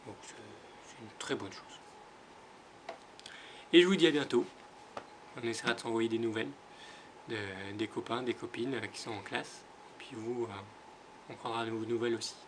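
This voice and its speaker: A man with a French accent, a kindergarten teacher giving a home-school phonics lesson, sounding out letters slowly and clearly. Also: medium pitch, level tone, a little hiss or hum.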